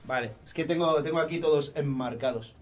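Young man, excitable, slightly high voice, casual chat. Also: fairly quick, crowd noise. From Spain. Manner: excitable, swearing, repetitive. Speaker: channel host.

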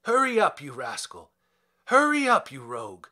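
A flustered, imperious major snaps and shouts at everyone around him, as a male reader puts him on. His voice rides high and bright, swooping widely with impatience. He sounds like someone whose dignity has just been badly shaken. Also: huge pitch swings, normal speed, full character voice. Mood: agitated. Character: agitated pompous male major, frantic and imperious.

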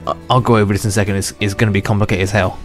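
Racing along in a flat, fairly low voice, a young gaming channel host rambles casually while playing, restarting his sentences and laughing quietly to himself. Being unwell has left his voice a little worn, and soft music runs in the background.

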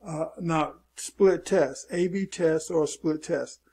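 A man's voice: a little high, slow, darkish tone, husky. A man teaching an online marketing lesson in a loose, casual way, often saying "okay" and repeating his warnings. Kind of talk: casual screen-share tutorial.

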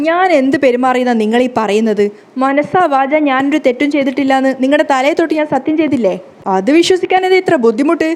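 A woman voicing a sharp-tongued young wife who mocks and argues back with quick retorts, in a storybook retelling. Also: a little high, natural voice. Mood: indignant.

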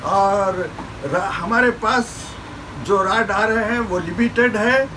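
An older man selling fishing reels from his shop counter, repeating model names in a persuasive sales pitch. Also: takes it slowly, background noise. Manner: repetitive, persuasive salesman patter, urging viewers to buy. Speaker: fishing tackle shop seller. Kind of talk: product showcase sales pitch. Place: small shop packed with shelves, indoors.

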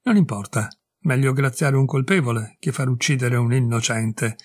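A man voicing a devout empress who pleads firmly for mercy, in a raised, husky voice. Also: medium pitch, moderate pace, no room sound, studio quality, close to an everyday voice. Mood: insistent. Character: pious empress, woman, insistent and devout.

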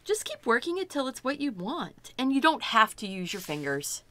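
A woman's voice: a little high, big pitch swings, moderate pace, pushed and bright. A middle-aged woman teaching a step-by-step painting lesson, chatty and thinking aloud as she works, delighted by her own results. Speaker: art instructor.

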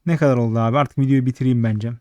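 A man giving casual, frustrated slot commentary, swearing constantly and talking at the machine, slightly hoarse late at night. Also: medium pitch, fairly even intonation, rapid-fire, darkish tone, no room sound. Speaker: slot streamer.

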